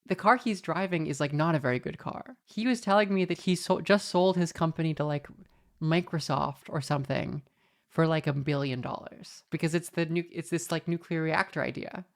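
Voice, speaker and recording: A woman with a notably low voice chats casually as a podcast host, speaking at a moderate pace. She rambles through anecdotes with a wry edge, full of fillers and restarts.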